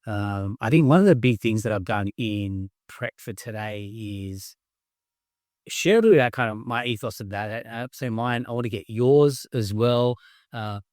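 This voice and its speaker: A man's voice: fairly low pitch, normal speed, dry recording, studio quality. A man, co-hosting a podcast in casual, enthusiastic chat with many fillers and restarts. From Australia. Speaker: podcast host, company co-founder.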